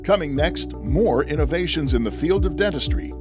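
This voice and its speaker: A man's voice: a little high, lively intonation, normal speed. Male announcer narrating over faint music. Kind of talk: scripted narration.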